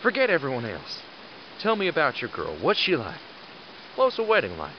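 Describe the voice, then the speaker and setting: In an audio drama, a man plays a blunt, commanding, yet fatherly middle-aged squad leader, sounding stern and exasperated. His fairly high voice has lively intonation and a normal pace. The audio is slightly muffled with a bit of hiss or hum.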